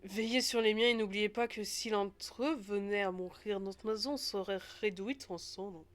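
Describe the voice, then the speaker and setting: A woman's voice: medium pitch, normal speed, natural voice. Brief: stern, heavy male leader, Russian accent, put on by a woman.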